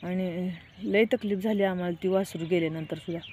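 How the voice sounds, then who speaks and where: Brief: middle-aged woman vlogger, plainspoken and direct with viewers, low-key even delivery, soft mellow tone. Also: brisk, a little hiss or hum. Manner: plainspoken, keeps saying "look" to viewers. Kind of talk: casual vlog storytelling.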